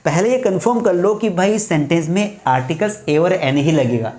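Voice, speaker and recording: A man's voice: high voice, expressive, normal speed, a little mellow. Man teaching grammar, repeating key points. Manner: repeats key points, asks the class rhetorical questions; mixes English phrases into Hindi. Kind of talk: classroom lecture. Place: writing on a board while teaching.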